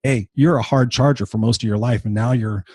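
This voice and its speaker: A man's voice: mid-range voice, steady tone, brisk, a little mellow, a little hiss or hum. A man in his fifties hosting a motivational podcast, talking bluntly and with profanity in an unscripted monologue while tired and unwell. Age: 50s.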